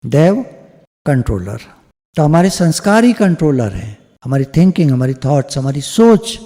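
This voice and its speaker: A man delivers a devotional sermon in a mellow, fairly high voice, explaining his points step by step and slipping English phrases into his Hindi. He speaks over a video call. The sound has a long hall echo. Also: sing-song, moderate pace. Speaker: spiritual discourse speaker.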